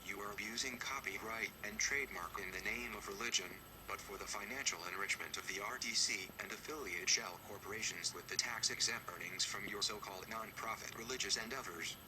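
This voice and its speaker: Anonymous male spokesman, disguised deep voice, flat and accusatory, noisy track. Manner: cold, measured, accusatory. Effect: disguised deep synthetic-sounding voice. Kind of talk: scripted recorded statement. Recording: noisy recording.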